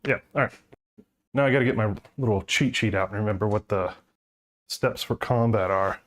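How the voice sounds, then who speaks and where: A man's voice: on the low side, moderate pace. A man streaming a solo board game, out of breath, thinking aloud and muttering the rules to himself. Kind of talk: thinking aloud while playing.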